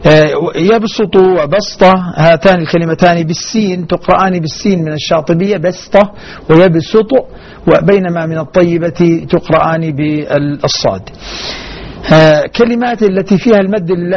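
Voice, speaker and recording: A man's voice: high-pitched, fairly even intonation, normal speed. A man teaching the readings of the Quran, explaining each difference plainly and chanting short verse examples. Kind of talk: radio lesson on Quran reading variants. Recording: dull muffled radio broadcast.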